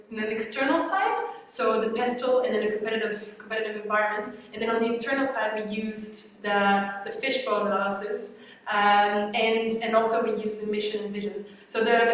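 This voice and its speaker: A woman's voice: fairly high pitch, a bit bright. A woman from Belgium giving a team case presentation, hesitant with many repeated words and fillers. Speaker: student presenter. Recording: echoey room from a distance.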